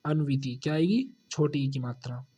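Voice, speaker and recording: A man with a Hindi accent teaching a spelling lesson for exam students, repeating each corrected word and dropping low on the answer. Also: expressive, normal speed, dark tone, husky.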